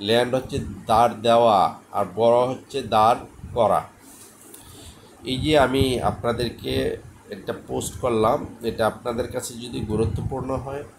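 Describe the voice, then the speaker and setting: A man with a Bengali accent teaching English, reading each sentence very slowly and then translating it. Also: mid-range voice, background noise. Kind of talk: slow drilled language lesson.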